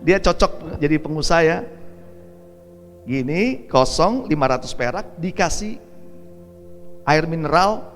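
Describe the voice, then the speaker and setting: A man's voice: a little high, a little slow, long pauses. A male pastor preaching a sermon, telling stories with quoted dialogue and asking his listeners questions. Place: church hall. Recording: long church hall reverb with faint music.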